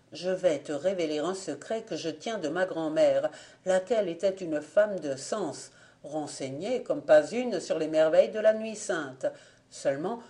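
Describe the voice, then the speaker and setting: A woman reading the part of a sly, ironic old blind man, speaking calmly with quiet irony. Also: low voice. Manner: calm, gently ironic.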